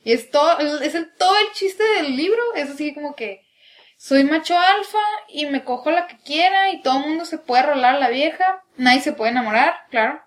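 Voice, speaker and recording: High-voiced young woman from northern Mexico. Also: expressive, moderate pace. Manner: storytelling, mimics others' accents. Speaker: podcast co-host. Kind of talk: casual chat.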